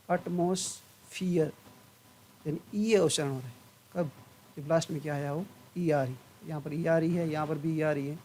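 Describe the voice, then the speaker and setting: A man's voice: fairly high pitch, a little mellow, dry recording. A man teaching English pronunciation, spelling words letter by letter and drawing each sound out, then asking questions and answering them himself. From India.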